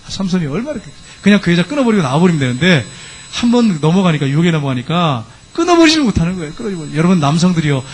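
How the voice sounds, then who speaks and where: A middle-aged male pastor preaching a sermon in a church, retelling a scripture story in a lively, dramatizing way. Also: a little high. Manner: animated preaching, dramatizing the story with quoted voices and laughter. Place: church sanctuary.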